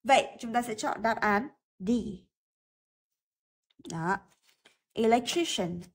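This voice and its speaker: A Vietnamese-accented woman explains English exercises in a high voice. She speaks slowly and carefully and repeats each word to model its pronunciation. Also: expressive, husky. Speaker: English teacher.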